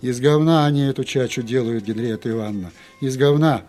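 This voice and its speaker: A man's voice: medium pitch, expressive, moderate pace, darkish tone, soft background music, lightly acted. A man voicing an earnest, simple Greek fellow who pleads and protests in a hasty, aggrieved way. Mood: indignant. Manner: plaintive, hasty.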